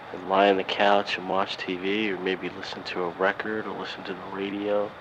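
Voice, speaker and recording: A man keeping a personal audio diary on a dictaphone tape recorder, talking in a weary, sighing, rambling way. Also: deep voice. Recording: lo-fi tape recorder with background noise.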